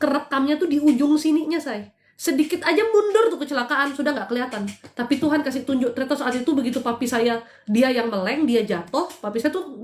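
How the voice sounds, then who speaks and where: A middle-aged woman from Indonesia hosting a live show, telling a heartfelt personal testimony in a lively storytelling manner with rhetorical questions, at home. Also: fairly high pitch. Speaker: host giving spiritual consultation. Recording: echoey room.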